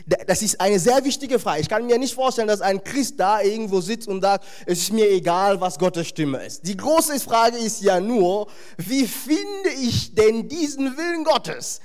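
A male preacher delivering a sermon with a high voice that leaps up and down all the time. He talks emphatically to his listeners and drops in wry, humorous asides. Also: lively intonation, unhurried, hardly any pauses, darkish tone.

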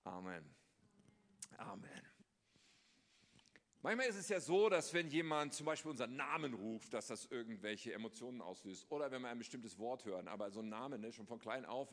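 A married man preaching as a guest pastor. He moves between loud, emphatic reading and a hushed, quiet prayer voice. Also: medium pitch, quick pace, hardly any pauses, in a large hall. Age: adult, married. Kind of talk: sermon with prayer. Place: church.

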